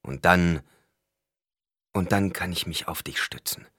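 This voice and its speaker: A man voicing a loyal older desert warrior who speaks slowly, anguished and pleading. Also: sits low, fairly bright tone, husky, dry recording, studio quality, full character voice.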